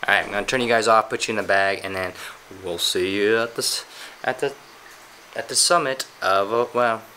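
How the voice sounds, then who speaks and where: A man filming a casual travel vlog on a handheld camera, excitable and swearing freely, outdoors and at an open-air cafe. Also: fairly low pitch, brisk, a little hiss or hum. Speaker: travel vlogger.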